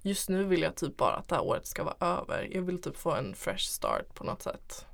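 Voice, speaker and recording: A woman's voice: lowish voice, sing-song, creaky. A young woman speaking reflectively and informally as an interview guest in a candid personal conversation. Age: young adult.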